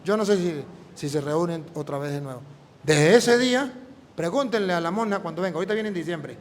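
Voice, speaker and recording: High male priest, lively storytelling sermon with voiced dialogue, reverberant hall. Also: a little fast, slight background noise.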